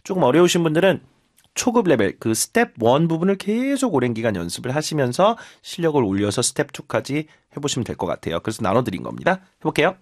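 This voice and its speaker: Lively Korean man teaching English. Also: medium pitch. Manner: lively, encouraging, slows down to model pronunciation. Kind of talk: bilingual English lesson, explaining and drilling.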